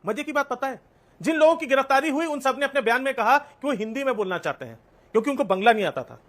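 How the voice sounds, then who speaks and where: A man's voice: very high-pitched, lively intonation, fast talker, fairly bright tone. A man speaking in a TV debate, starting with hesitant fillers and then posing rhetorical questions. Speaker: debate panelist. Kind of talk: TV debate argument.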